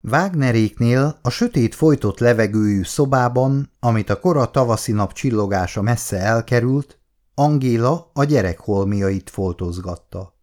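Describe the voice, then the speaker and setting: A man reading a novel aloud as narrator in an expressive, animated reading voice. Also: mid-range voice.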